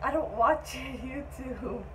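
High-pitched teasing woman off camera. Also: slow, fairly bright tone, a little hiss or hum, low-quality recording. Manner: teasing, defensive bickering. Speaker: friend or relative of the vlogger. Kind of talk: casual banter off camera.

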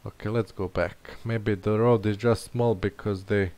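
A game streamer quietly reasons through a map-guessing game, muttering, hesitating, and doubting himself as he plays. His fairly low voice is steady in tone, unhurried, and a little mellow.

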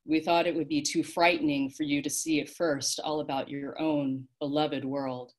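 A weary, kind celestial being, as a woman reading aloud voices her. She speaks softly and slowly, soothing frightened children. A low, gentle storybook voice. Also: little pitch movement. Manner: soft, slow and comforting. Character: gentle, tired celestial being, comforting, female.

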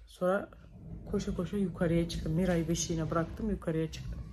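Young woman, Turkish accent, lowish voice, emotional casual vlog storytelling, faint background hiss. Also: steady tone, moderate pace. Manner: emotional, breathless retelling with repeated calls. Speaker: vlogger.

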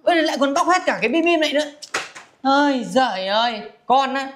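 A woman's voice: high voice, lively intonation, fairly quick, a little hiss or hum. A woman playing a nagging, son-favoring mother. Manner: nagging, exasperated scolding. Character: scolding middle-aged mother who favors her son. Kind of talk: comedy family skit.

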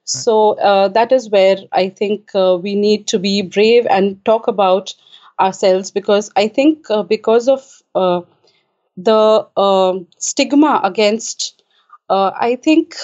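A woman's voice: medium pitch, takes it slowly, darkish tone, lo-fi sound. A woman from Kuwait, an author being interviewed, speaking hesitantly with frequent filler sounds. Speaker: author and guest. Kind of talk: casual interview talk. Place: home in Richmond.

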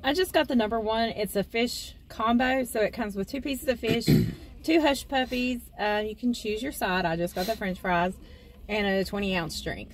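A woman's voice: on the high side, moderate pace, a little hiss or hum. A woman co-hosting a casual food vlog, chatting in an easygoing way from inside a parked vehicle. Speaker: co-host, wife. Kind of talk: casual food review chat.

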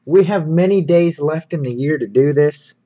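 Speaking at a moderate pace in a fairly high voice, the host of a sports card pack-opening show talks through each item he handles in a casual, hands-on unboxing. His manner is upbeat and easygoing, picked up by a slightly dull lo-fi mic.

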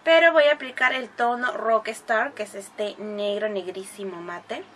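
She speaks a little slow, her voice a little high and a bit bright, as she talks through a makeup tutorial step by step. This beauty vlogger is chatty and gushes with exclamations over the products.

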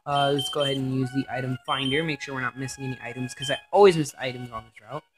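Excitable man giving gameplay commentary. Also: mid-range voice, fast, music in the background. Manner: excitable, rambling, swears often. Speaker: gaming commentator. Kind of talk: let's play commentary.

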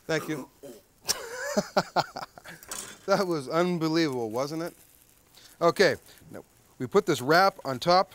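This thirty-something TV cooking host speaks on the high side, a bit bright, at a slow pace with long pauses. Joking and chatty at his outdoor backyard grill deck, he keeps tagging lines with "okay?", while a little hiss or hum runs underneath.

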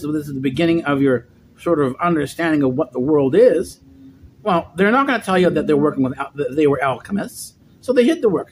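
A man's voice: a little high, a little hiss or hum. A middle-aged man vlogging in a rambling, lecturing monologue, often restarting and repeating words, recorded on a webcam in a dim indoor room.

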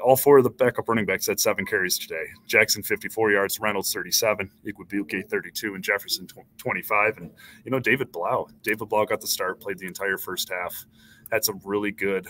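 A sports beat reporter in his thirties gives a casual postgame recap on a live stream from a small indoor room, talking over a headset mic. He's loose and conversational, rattling off stats and restarting sentences, in a slightly low yet bright, forceful voice. Faint room ambience and slight background noise sit behind him.

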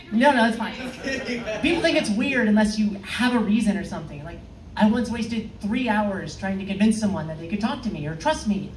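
A young woman performing a stand-up comedy set on a club stage, delivering dry, deadpan one-liners with the odd filler. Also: mid-range voice. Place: comedy club stage, in front of a live audience. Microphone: far room pickup, no mic held. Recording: echoey club heard from far off.

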